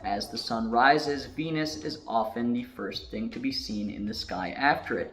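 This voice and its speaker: A man narrating a video in a casual scripted style, chatty, with joking asides, and a voice that is going a little hoarse. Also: medium pitch. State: losing his voice. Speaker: YouTube narrator.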